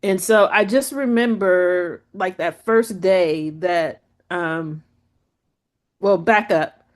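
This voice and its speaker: Chatty woman telling her story. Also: slow. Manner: chatty, full of "like" and "you know"; acts out quoted speech with lively pitch jumps. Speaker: guest photographer. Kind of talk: casual interview storytelling.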